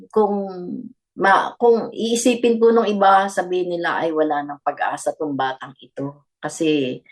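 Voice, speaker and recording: An older woman, a grandmother, giving a personal testimony in a radio interview with earnest storytelling. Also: lowish voice. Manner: earnest storytelling, mixing Tagalog and English. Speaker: guest grandmother.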